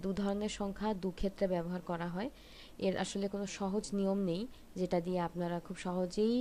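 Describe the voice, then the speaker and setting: A woman giving a spoken language lesson, explaining patiently step by step and repeating pronunciations slowly. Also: fairly low pitch, mellow, a little hiss or hum. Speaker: Korean language teacher.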